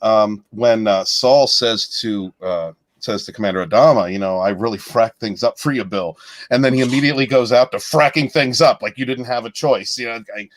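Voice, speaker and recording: A man's voice: mid-range voice, moderate pace, no room sound. A man on a podcast panel, talking in an easygoing, rambling casual chat.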